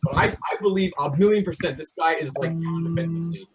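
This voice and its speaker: A man's voice: a little high, quick pace, a little hiss or hum. A man talking through his reads in a live party game, rambling and full of fillers. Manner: rambling, animated, many fillers. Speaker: game player. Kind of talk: casual game discussion.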